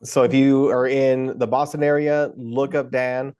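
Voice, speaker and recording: A man's voice: medium pitch, little pitch movement, a little slow, darkish tone, smooth. A man co-hosting a casual podcast, talking with enthusiastic, gushing praise. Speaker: podcast co-host.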